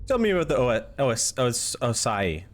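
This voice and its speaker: A male streamer talks casually over a game playthrough. His mid-pitched voice swings widely as he reacts and reads dialogue choices out loud. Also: very animated, fairly quick. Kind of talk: casual playthrough commentary, reading dialogue options aloud.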